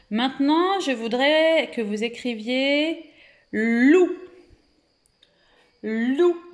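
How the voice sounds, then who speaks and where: A French woman teaching young children to read, slowly stretching out and repeating syllables and offering praise. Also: mid-range voice. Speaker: primary school teacher. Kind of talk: slow, careful reading lesson for young children.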